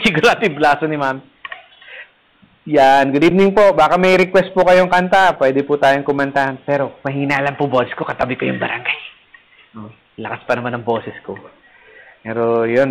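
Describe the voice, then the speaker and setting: Male parish priest, casual livestream host; light, somewhat high voice; playful and teasing. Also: rough recording. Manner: playful, teasing, laughs at own jokes. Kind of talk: casual livestream chat reading viewer comments. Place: rooftop garden, third floor.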